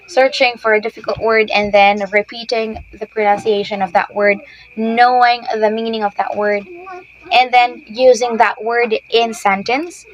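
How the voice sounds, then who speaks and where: A woman's voice: mid-range voice, poor audio. A woman teacher giving patient, explanatory tips to other teachers, often checking in with "okay?". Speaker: ESL teacher. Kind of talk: instructional talk to teachers.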